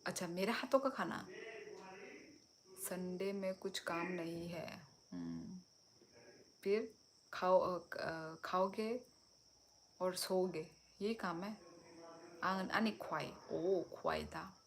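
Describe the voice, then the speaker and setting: A woman's voice: on the low side, expressive, slow pace, pauses often, a little hiss or hum. A young woman from Tripura hosting a casual live stream, chatting with viewers and answering their comments.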